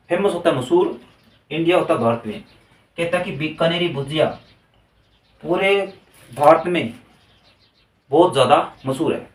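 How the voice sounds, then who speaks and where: A man with a fairly high voice teaches a grammar lesson in a classroom. He explains step by step and keeps checking in with his students. He is recorded from a distance, so his voice sounds roomy and echoey. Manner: explains step by step, repeats "ठीक है". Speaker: English teacher. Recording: echoey room, voice from far off.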